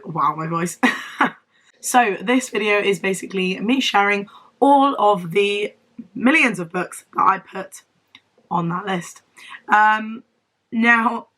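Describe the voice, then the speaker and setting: Sick and losing her voice, a young Devon woman with a southern English accent chats to camera for her book vlog. Her medium-pitched voice sounds a bit bright yet wheezy and strained, she rambles and pokes fun at herself, and the recording is rough.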